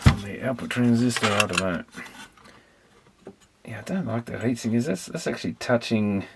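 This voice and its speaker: This Australian man's voice is medium in pitch and expressive, moving at a moderate pace as he offers offhand, rambling remarks to himself while repairing electronics as a hobby. Noise and clicks are clearly audible in the recording.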